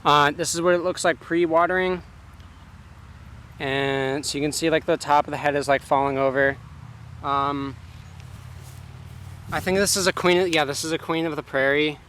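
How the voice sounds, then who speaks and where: A man casually vlogs outdoors in his home garden, filming himself with a handheld camera and rambling with lots of fillers. His slightly high, bit-bright voice moves at normal speed with fairly even intonation and frequent pauses. There's a little hiss or hum in the recording.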